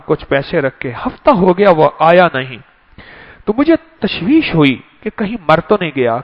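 Man, sermon, emotional, repeats phrases, swooping pitch. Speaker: religious speaker. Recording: dull lo-fi recording.

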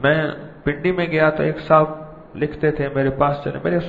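A man's voice: a little high, fairly even intonation, gravelly. A man giving a devotional sermon as a Sufi preacher, in a lilting cadence built on repeated phrases. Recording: dull lo-fi recording.

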